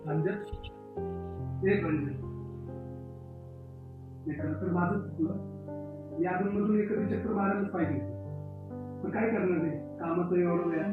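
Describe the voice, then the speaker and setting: A man playing a hot-tempered soft-hearted uncle. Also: high voice, fairly even intonation, moderate pace, pauses often, far from the mic, narrow, tinny audio, over music, close to an everyday voice. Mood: coaxing. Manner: scolding, then coaxing. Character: hurried uncle, quick to anger, soft-hearted. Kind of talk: amateur family comedy drama. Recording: roomy echo.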